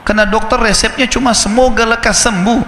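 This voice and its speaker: A male preacher telling a story in a sermon, animated and speaking straight to his listeners. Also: extremely high pitch, brisk, a little hiss or hum. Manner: animated, addresses listeners directly. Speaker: Islamic preacher. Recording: echoey hall with faint ambience.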